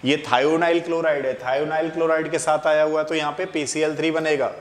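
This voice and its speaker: A man's voice: fairly high pitch, little pitch movement, moderate pace. A man teaching a chemistry lesson in a classroom lecture style, explaining step by step and asking and answering his own questions. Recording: echoey room with faint background noise.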